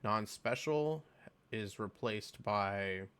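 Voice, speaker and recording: A man giving casual reaction commentary on a game, reading skill text aloud and thinking out loud with fillers. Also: lowish voice, drawn-out words, smooth. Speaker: game video creator.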